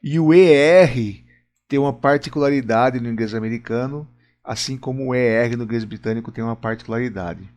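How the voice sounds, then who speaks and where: Standing at a whiteboard, a Brazilian man teaches English on video, walking through each step and often pausing to check on his viewers. He speaks a little fast, with a medium-pitched, darkish voice.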